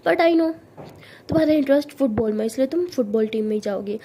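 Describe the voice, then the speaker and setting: A woman's voice: high-pitched, animated, warm tone. Woman voicing Sana, a bossy teasing college girl. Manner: bossy, teasing, talks down fast. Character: teasing college girl, blunt loyal best friend.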